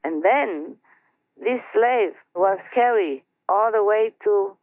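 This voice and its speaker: A woman slowly telling a story to her team over a conference line, chatty and laughing between phrases. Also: medium pitch, expressive, dry recording. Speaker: spiritual teacher telling a story. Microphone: phone or conference line. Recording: tinny dry phone line.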